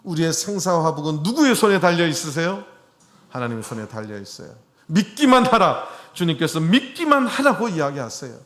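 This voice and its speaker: A man's voice: on the high side, very animated, brisk. A middle-aged man preaching a sermon in a church, chatting with his congregation and putting questions to them. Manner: conversational, asks the congregation questions. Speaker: pastor. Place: church hall.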